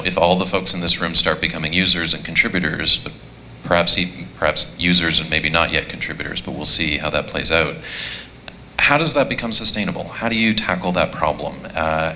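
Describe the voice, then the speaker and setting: A man's voice: extremely low pitch, bright, forceful tone, a little hiss or hum. A man moderating a conference panel, asking the audience and the speaker questions in a conversational way.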